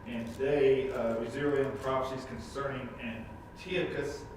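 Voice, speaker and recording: A man's voice: medium pitch, steady tone, moderate pace. A man teaching a casual Sunday school Bible lesson, rambling with many fillers and restarts. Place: church classroom. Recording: echoey room from a distant mic, noisy.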